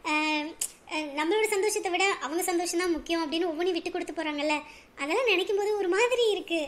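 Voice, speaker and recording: A woman's voice: extremely high pitch, very fast. A woman playing an emotional young village wife in a TV serial, who swings between tears and scolding. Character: young village wife, affectionate, sharp-tongued with her mother. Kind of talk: TV serial acting.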